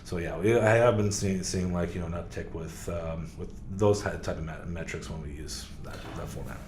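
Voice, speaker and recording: With a low, slightly mellow voice at an ordinary pace, a car salesman rambles through a casual podcast interview, stopping and restarting and using lots of fillers. Faint background noise and an echoey room are noticeable.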